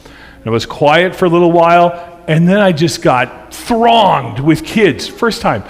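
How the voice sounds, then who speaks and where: A man's voice: on the high side, lively intonation, measured pace, long reverb tail. A middle-aged man, a pastor, telling humorous stories in a chatty, easygoing way during a church presentation. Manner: chatty and humorous, laughing at his own stories. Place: church sanctuary.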